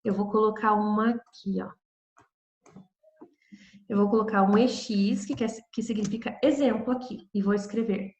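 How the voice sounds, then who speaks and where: A Brazilian woman teaching children in a recorded video lesson, gentle and patient, explaining step by step. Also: medium pitch, fairly even intonation, moderate pace, pauses often. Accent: Brazilian Portuguese. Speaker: primary school teacher. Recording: echoey room.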